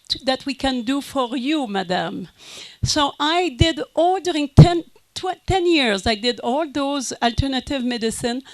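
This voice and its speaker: A woman's voice: sits high, fairly bright tone, no room sound. A middle-aged French Canadian woman, a native French speaker, giving a conference talk in a hesitant way, with many fillers and restarts. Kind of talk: conference presentation.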